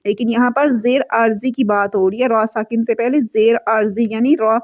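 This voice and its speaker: Teaching Quran recitation, a woman with a fairly high voice and fairly even intonation goes over each rule step by step, repeating points patiently and slowly stretching out each example verse as she chants it. She is recorded close and dry, with no room sound.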